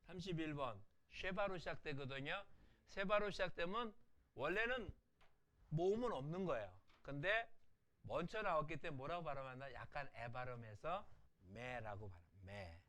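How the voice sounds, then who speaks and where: A middle-aged man teaches an online language course in a slightly high voice. His pitch swings widely as he explains. He poses rhetorical questions, answers them, and repeats sample words slowly. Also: lively intonation, fairly bright tone. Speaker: Hebrew language lecturer. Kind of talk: recorded online lecture.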